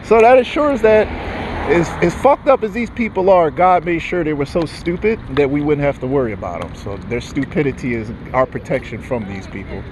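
Recording on a phone as he walks outdoors in a parking lot, a vlogger delivers a profane, repetitive, furious rant. His voice is fairly high and fairly quick, with noise in the background.

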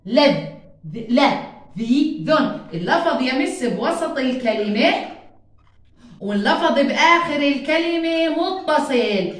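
A first-grade teacher with a Jordanian Arabic accent, her voice sitting high as she stretches each letter sound out slowly for children. She speaks in a patient, sing-song way through a phonics lesson. The recording has a roomy echo around her. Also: a bit bright. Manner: slow, drawn-out sounding of letters, sings short chants.

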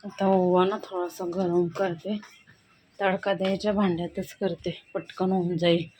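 In a casual home vlog, a young homemaker and mother with a Marathi accent chats through her household chores as she works in her kitchen. Her lowish voice is flat and unhurried, and loud household noise fills the background.

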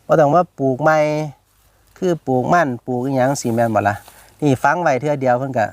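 A man with an Isan accent, a farmer explaining his work in relaxed, lively chat. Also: mid-range voice, a little fast, dry recording. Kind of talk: casual explanation.

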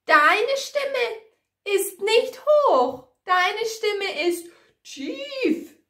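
A woman voicing a chorus of little goat kids who refuse to open the door, in a high, insistent voice. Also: sing-song, very slow, fairly bright tone, exaggerated voice. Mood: defiant. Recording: echoey room.

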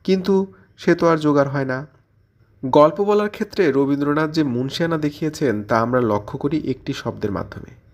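The recording is muffled, and the man's voice sits on the high side and moves fairly quickly. He hosts a literary audio channel and works through a scripted commentary by explaining, putting questions forward and resolving each one in turn.

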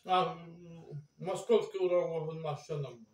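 A man vlogging a meal, talking slowly with his mouth full while he chews. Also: a little high, steady tone. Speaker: mukbang vlogger. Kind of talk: casual eating vlog. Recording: roomy, from far off the mic, faint noise.

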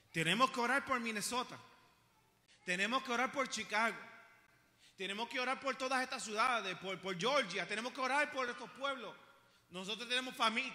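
High bright-voiced pastor preaching. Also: male voice, big-room sound. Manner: impassioned preaching with rhetorical questions and humorous asides. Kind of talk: sermon. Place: church sanctuary.

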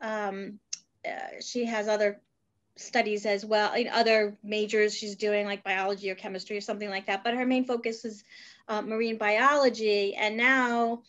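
A woman co-host chatting casually, halting often with fillers. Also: medium pitch, fairly even intonation, a bit bright, muffled recording. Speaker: co-host, operations manager. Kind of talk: casual talk-show chat.

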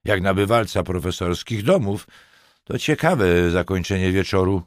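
Brief: stern sardonic cop, curt and mocking, low dry voice, a narrator puts him on. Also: male voice, lively intonation, normal speed, no echo. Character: stern sardonic male police lieutenant.

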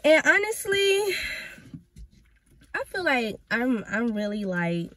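A woman's voice: on the high side, sing-song, slow, a bit bright. A woman chatting casually to camera in a vlog, laid-back and slangy, blunt and brash when she calls people out. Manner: laid-back, slangy, says "y'all" and "or whatever" a lot. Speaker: vlogger. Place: at home, eating while filming.

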